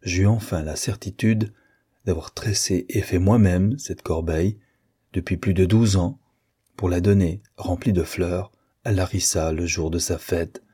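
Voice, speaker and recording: A man reading a classic novel aloud as an audiobook, in a measured and expressive way. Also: low voice, breathy edge. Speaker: audiobook reader. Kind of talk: scripted narration of a classic novel.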